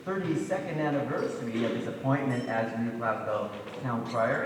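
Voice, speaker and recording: A man making introductions as the announcer at a public competition. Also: mid-range voice. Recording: echoey hall, distant mic, noisy crowd.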